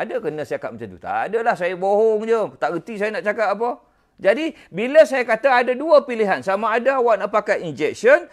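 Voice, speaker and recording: A middle-aged man with a Malaysian Malay accent who tells a personal story as a preacher. He talks with animated exclamations and speaks directly to his listeners. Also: high-pitched. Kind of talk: storytelling religious talk.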